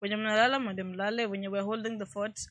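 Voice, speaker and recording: A woman's voice: mid-range voice, fairly even intonation, fast talker, a bit bright, dry recording, highs cut off. A young Kenyan woman co-hosting a radio show, playful and switching between English and Swahili. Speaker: radio co-host. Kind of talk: casual radio chat. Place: radio studio.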